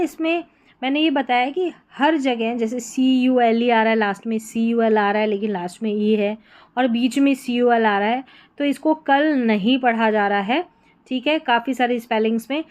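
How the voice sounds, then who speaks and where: Hindi-accented woman teaching English spellings. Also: a little high. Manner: repeats each word with a quizzing "what happened?". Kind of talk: explaining spelling patterns.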